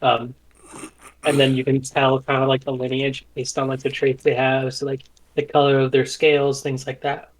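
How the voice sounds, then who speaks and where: A man's voice: medium pitch, monotone, moderate pace, slight background noise, poor audio. A man narrating as game master in a casual, rambling way with many fillers.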